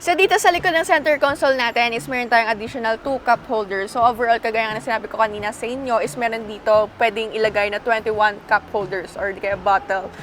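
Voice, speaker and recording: A young woman from the Philippines hosts a casual car walkaround, her voice sitting a little high. She chats her way through the cabin of a passenger van, pointing out one feature after another. A faint hum of background noise runs under her voice. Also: steady tone, fast talker, few pauses, poor audio. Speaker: car review presenter.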